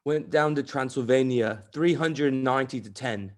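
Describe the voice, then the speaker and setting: A man's voice: medium pitch, moderate pace, close to an everyday voice. A man reading the part of a blunt, gloomy sporty young man.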